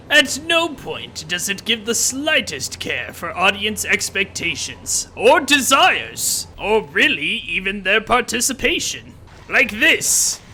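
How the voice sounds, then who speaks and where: A man's voice: sits high, sharp tone, a little hiss or hum, exaggerated voice. A man hamming up a gloating pompous villain. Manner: theatrical, hammy and sarcastic, with dramatic drawn-out words. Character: pompous gloating male demon-scientist villain, self-important. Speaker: let's play host. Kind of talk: villain-persona game commentary.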